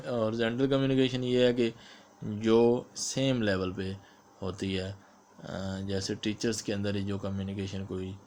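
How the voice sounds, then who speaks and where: A man with a Pakistani accent explaining exam questions step by step, like a teacher, and reading the questions out slowly. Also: on the low side, a little mellow, a little hiss or hum. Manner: explains step by step, mixing English terms into Urdu, reads questions aloud slowly. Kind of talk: explanatory exam-prep lecture.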